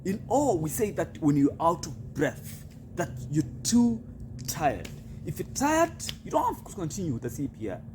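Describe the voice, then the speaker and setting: Animated, higher-pitched male first aid instructor. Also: normal speed. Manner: instructional, emphasizes and repeats key points. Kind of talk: practical CPR lesson. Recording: clearly noisy recording with ambience.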